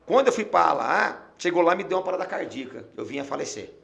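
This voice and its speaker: A middle-aged Brazilian man, a pastor, telling an emotional testimony in a podcast conversation, dropping to a hush as he nears tears. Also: fairly high pitch, big pitch swings, quick pace, vocal fry. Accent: Brazilian Portuguese. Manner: emotional storyteller, falls quiet and near tears.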